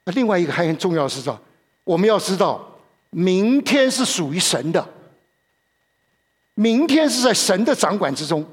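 A man's voice: high-pitched, big pitch swings, normal speed, long pauses, slightly rough. A man preaching a sermon in a conversational way, often repeating himself and putting questions to his listeners.

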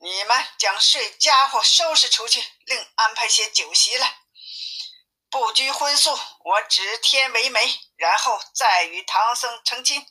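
A woman's voice: fairly high pitch, expressive, a little slow, sharp tone, heavily acted. A woman voicing a coy female demon spirit who wants to marry a monk, by turns sweetly coaxing and bossy. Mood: commanding. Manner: sweet, coaxing, then bossy with her minions. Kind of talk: storytelling.

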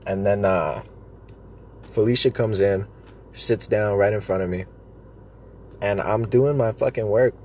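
A man's voice: lowish voice, unhurried, pauses often, a little mellow, a little hiss or hum. A man rambling through stories in a casual, joking, sweary way, talking with chewing tobacco in his mouth.

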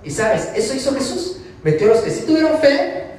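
A man's voice: very high-pitched, big pitch swings, a little fast, darkish tone, far from the mic. A man with a Mexican accent preaching an informal sermon in a church, chatty and asking the congregation questions. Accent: Mexican Spanish. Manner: conversational, asks the congregation questions. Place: church hall. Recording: very echoey hall, voice from afar.

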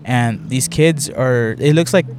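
A man's voice: medium pitch, unhurried, noisy background. Young man rambling through a story. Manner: rambling, swears often, many "like" fillers. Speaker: podcast host. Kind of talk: casual storytelling chat.

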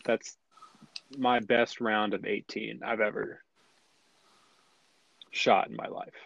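A man's voice: lowish voice, level tone, slow, gravelly, a bit bright, breathy edge, dry recording, lo-fi sound. A man co-hosting a podcast in casual chat, often stumbling and repeating words as he starts a sentence. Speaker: podcast co-host.

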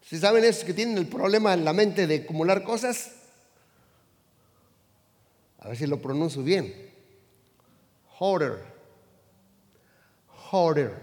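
A pastor in his sixties preaching a sermon, with animated shifts between loud calls to the congregation and quiet asides. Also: on the high side. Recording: long hall reverb.

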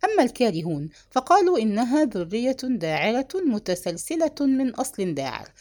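A woman narrating a dramatic novel with measured, expressive storytelling. Her voice moves through a lively, varied range of pitch. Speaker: audiobook narrator.

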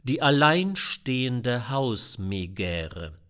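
A man voicing a calm tour guide who explains his exhibits like a showman. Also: mid-range voice, drawn-out words, full character voice. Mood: explaining.

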